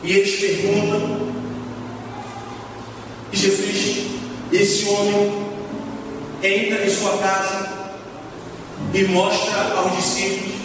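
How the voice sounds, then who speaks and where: High-voiced Carioca preacher, slow and echoey. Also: male voice, monotone, background noise. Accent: Carioca Brazilian Portuguese. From Rio de Janeiro, Brazil. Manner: emphatic, repeats key phrases. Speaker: deacon preaching. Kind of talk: sermon. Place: church hall. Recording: echoey hall, mic far off. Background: music playing.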